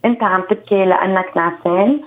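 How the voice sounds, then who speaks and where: A woman from Beirut with a Lebanese accent, a parenting expert giving calm, instructive advice on a radio show. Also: mid-range voice, fast talker. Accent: Lebanese Arabic. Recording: tinny phone line.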